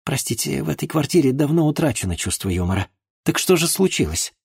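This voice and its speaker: A man voicing a brisk, energetic young woman nurse with a firm, insistent manner. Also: medium pitch, gravelly, husky, no room sound, studio quality, pitched above the performer's own voice, exaggerated voice. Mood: patient.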